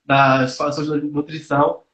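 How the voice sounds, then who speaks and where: A young man from Salvador, Brazil, who studies nutrition, speaks slowly on a video call, his slightly high, somewhat bright voice showing little pitch movement. He lays out his views earnestly, restarting often and using fillers, and the call audio is roomy and echoey.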